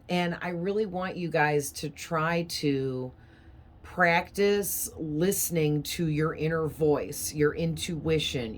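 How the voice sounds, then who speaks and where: A woman giving a casual tarot reading in a chatty, rambling way, breathing a little heavily from a sinus infection. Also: deep voice. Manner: rambling, chatty, with fillers and soft laughs. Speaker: tarot reader.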